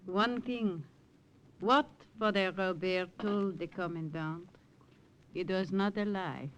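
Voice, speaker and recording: Slow-spoken motherly French widow. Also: mid-range voice, fairly bright tone. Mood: wistful. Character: motherly, widowed French villager aiding the resistance. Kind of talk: 1950s radio drama acting. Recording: hissy old radio recording.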